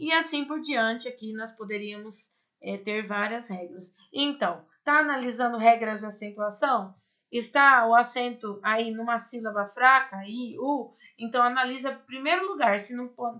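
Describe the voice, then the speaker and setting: Slightly high and sharp in tone, this woman speaks at normal speed on a muffled recording. She's a Brazilian teaching Spanish in a recorded online class, explaining things patiently step by step, asking rhetorical questions and checking on her students with "certo?" and "né?".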